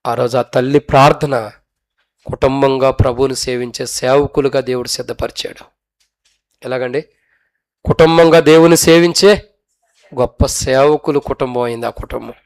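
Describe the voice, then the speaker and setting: A man preaching a sermon, telling a story dramatically and acting out its people, swinging from loud cries to hushed tones. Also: mid-range voice, fairly even intonation, moderate pace, long pauses. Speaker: pastor.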